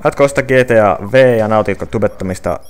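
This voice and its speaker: A man's voice: lowish voice, a little hiss or hum. A young man reading viewer questions off his phone and answering them casually, with many fillers and restarts. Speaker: gaming channel creator answering viewer questions.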